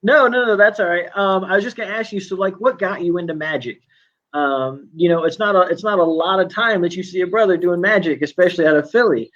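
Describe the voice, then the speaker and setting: A man hosting a casual interview, enthusiastic and quick to laugh. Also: high voice, fairly bright tone, muffled recording. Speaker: magic shop interview host.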